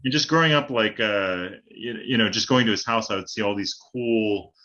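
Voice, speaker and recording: A man from Hawaii and Northern California, his voice fairly low and moderately paced, chats casually as a podcast guest and fellow host. He's relaxed and rambling, full of "like" and "right?", on dull lo-fi audio.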